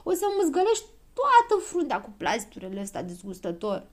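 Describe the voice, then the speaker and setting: A woman voicing a fussy, vain little girl who complains loudly in a children's audiobook. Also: mid-range voice, sing-song. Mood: whiny. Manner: whiny and indignant.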